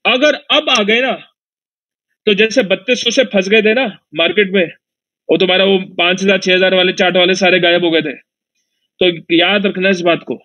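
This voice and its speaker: A man's voice: high-pitched, bright, forceful tone, highs cut off. A man from Nepal delivering a heated, mock-serious rant in an online audio chat room, warning and taunting his rivals in a preachy tone. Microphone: own device in an online audio room.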